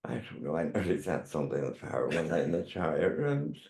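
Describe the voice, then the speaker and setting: Older northern irish guy, low voice, chatting and rambling through old stories, echoey room. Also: a little fast, darkish tone. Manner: rambling, chatty storytelling with repeated tags. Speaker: interview guest, veteran drag queen. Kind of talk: casual reminiscing chat.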